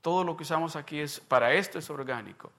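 Animated bright-voiced preacher telling a story. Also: male voice, on the high side, fast. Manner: animated storyteller, acts out dialogue, bursts of loud emphasis. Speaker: pastor. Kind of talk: sermon storytelling.

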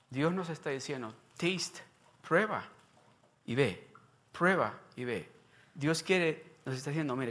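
A man preaching a sermon, telling a story with lively acted-out dialogue and sudden loud emphasis. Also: mid-range voice. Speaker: pastor.

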